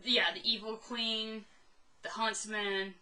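A woman's voice: mid-range voice, little pitch movement, slow, a crowd in the background, poor audio. A young woman co-hosting a casual podcast, giggly and given to short answers. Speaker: podcast co-host. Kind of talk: casual chat.

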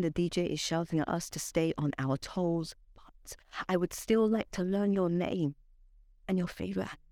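A woman poet with a transatlantic accent, part British and part Barbadian, recites her verse with deliberate, dramatic phrasing. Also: fairly low pitch, darkish tone, dry recording, studio quality. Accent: transatlantic mix of British and Barbadian. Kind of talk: poetry recitation.

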